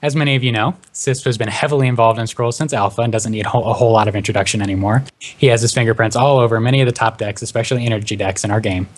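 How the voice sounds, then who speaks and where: Fast-talking podcast host guy, upbeat, keeps the show moving. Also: mid-range voice, steady tone. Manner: brisk, upbeat introductions. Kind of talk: hosted panel discussion.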